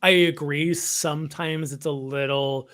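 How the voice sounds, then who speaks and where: His voice is a little high and fairly bright, with fairly even intonation and a slightly slow pace. The man co-hosts a casual fan podcast on Star Wars, explaining his views conversationally.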